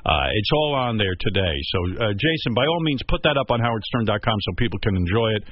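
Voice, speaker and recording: Male talk radio host, husky, rambling jokey patter, dull lo-fi broadcast sound. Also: fairly low pitch, animated, fast, no echo. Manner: rambling, joking, self-deprecating.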